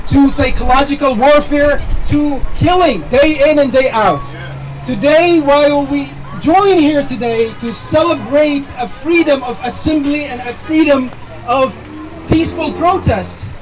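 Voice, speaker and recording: A man's voice: extremely high pitch, rough recording. A man giving an impassioned speech at an outdoor protest rally, with heavy repetition and call-and-response. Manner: rhetorical repetition, leads chants. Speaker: rally speaker.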